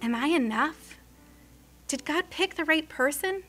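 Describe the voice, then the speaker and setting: A woman's voice: high voice, expressive, unhurried, sharp tone, pitched above the performer's own voice, exaggerated voice. A woman voicing a faithful young pregnant woman in labor, strained and pleading, with faint music underneath. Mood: worried.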